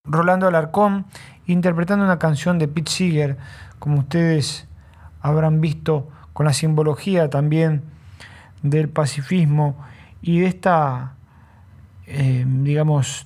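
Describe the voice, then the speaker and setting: Reflective radio host, slightly high voice. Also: male voice, fairly even intonation, a little mellow. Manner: unhurried, reflective, with frequent tag questions. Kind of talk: radio commentary between songs.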